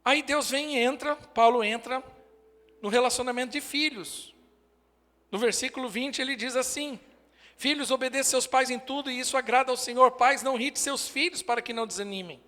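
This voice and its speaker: High bright-voiced Brazilian pastor preaching. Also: male voice, fairly quick. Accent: Brazilian Portuguese. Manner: emphatic, short punchy declarations. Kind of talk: sermon. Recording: long hall reverb.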